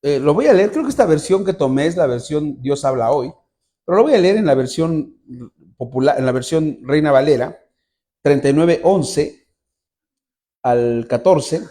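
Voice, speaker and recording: Animated, mellow-voiced male preacher. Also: a little high, normal speed. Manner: lively storytelling, addresses the congregation directly. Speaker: pastor. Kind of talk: sermon with Bible reading. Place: church in front of a congregation.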